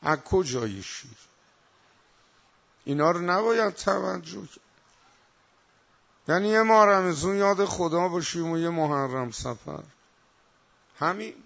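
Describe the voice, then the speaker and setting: A man delivers a religious sermon in a fairly high voice. He drops into quiet asides, then rises to loud, emphatic recitation. The recording is dull and lo-fi. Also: expressive, vocal fry, long pauses. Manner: dramatic, swings between soft asides and loud emphatic recitation. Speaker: preacher.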